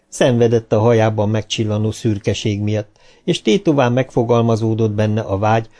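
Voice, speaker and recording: A man narrating a novel as an audiobook, reading in a calm, measured way. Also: lowish voice.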